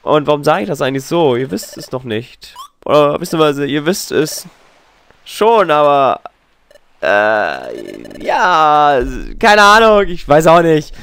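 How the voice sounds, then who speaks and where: A young man with a sore, hoarse throat, giving jokey gaming commentary full of wordplay. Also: a little high. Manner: animated, jokey, slips into wordplay. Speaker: let's player.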